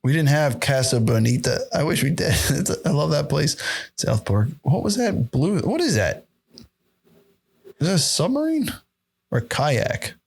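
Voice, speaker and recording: Young guy on his podcast mic, raspy fry, swings up and down a lot, super excitable. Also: fairly high pitch, measured pace. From United States. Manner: excitable, swears constantly, laughs often. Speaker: podcast host. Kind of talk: casual reaction commentary.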